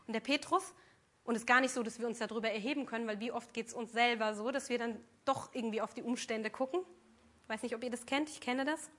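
A woman's voice: a little high, a bit bright. A woman preaching a sermon, earnest and emphatic, speaking directly to her congregation.

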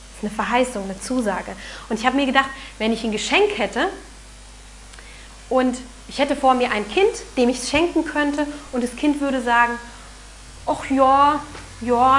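An earnest woman preaches a sermon with a fairly high voice. She talks in an animated way and sometimes acts out the people she quotes. Faint noise hums underneath the recording. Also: low-quality recording.

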